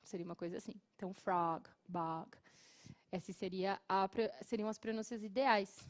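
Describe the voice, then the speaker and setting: A Brazilian woman teaching an English class, explaining patiently and modeling words slowly. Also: medium pitch, steady tone.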